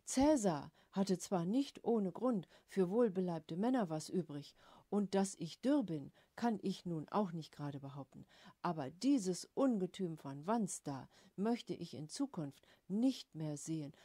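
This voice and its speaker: A woman voicing a blustering, vain middle-aged father who speaks loudly and gruffly. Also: lowish voice, animated, slow, dry recording, exaggerated voice. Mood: grudging.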